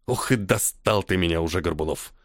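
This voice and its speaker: An irritable, commanding army colonel, as a male audiobook reader puts him on, sarcastic and tired of his subordinate. His pitch swings widely between lines, and the voice sits dry and close with no room around it. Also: big pitch swings, normal speed, no room sound, close to an everyday voice. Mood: irritated. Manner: sarcastic, commanding, weary sighs. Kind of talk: audiobook character voice.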